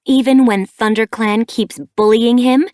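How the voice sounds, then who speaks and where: Reading an audiobook, a woman voices a grieving, angry young she-cat mother, raising her voice in a bristling, accusing way. Her pitch is fairly high, set above her own natural voice yet close to everyday speech, at normal speed in clean studio sound with no echo.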